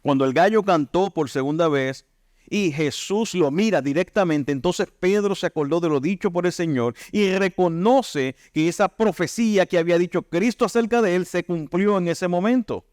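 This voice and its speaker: Emphatic preaching pastor, smooth voice. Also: male voice, moderate pace, darkish tone, no room sound, studio quality. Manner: emphatic, rising to punch lines then dropping low for scripture; addresses listeners directly with rhetorical questions. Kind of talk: sermon.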